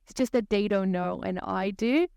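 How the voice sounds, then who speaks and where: Brazilian-accented woman, podcast guest, smooth resonant voice, slight fry, dry sound. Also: medium pitch, a little mellow, no room sound. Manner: thoughtful, explanatory, measured. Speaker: guest consultant. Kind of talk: podcast interview.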